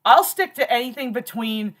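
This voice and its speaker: Woman, livestream host, casual chat, lively swooping pitch, laughs a lot. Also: normal speed. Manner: animated, laughs often.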